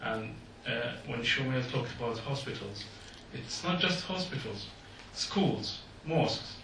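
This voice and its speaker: With medium pitch and lively intonation, this Jordanian man sounds bright and forceful as he speaks earnestly at a public meeting. His English is halting and non-native, and the hall is echoey. He's far from the mic, with slight background noise.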